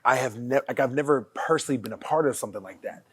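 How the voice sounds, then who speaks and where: A man hosting a casual podcast chat, talking emphatically and swearing, with quick agreements. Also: mid-range voice, husky, no echo. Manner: emphatic, profane, quick affirmations. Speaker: podcast host.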